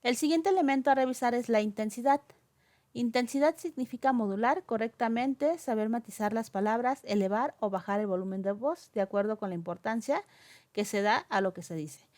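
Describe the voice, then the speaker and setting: A woman's voice: a little high, a little fast, darkish tone. A woman lecturing on oral communication, explaining step by step with frequent fillers and checking questions. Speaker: teacher.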